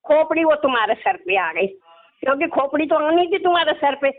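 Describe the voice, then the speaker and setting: Over a tinny, narrow phone line, a middle-aged caller who is a religious devotee chats casually and complains, adding little questions to the ends of her phrases. Her voice is high, her intonation lively, and her pace brisk.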